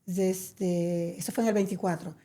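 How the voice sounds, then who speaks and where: A woman from Venezuela, telling her story in an interview; she hesitates with many fillers and restarts, then turns lively and emphatic. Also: fairly low pitch, a little slow. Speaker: interview guest. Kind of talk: conversational storytelling.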